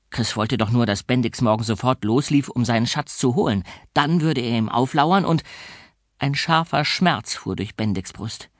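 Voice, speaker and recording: A male narrator reading a children's story aloud, his voice rising and falling with lively, animated pitch. The recording is dry and close, with no room sound. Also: dry recording. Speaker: audiobook narrator.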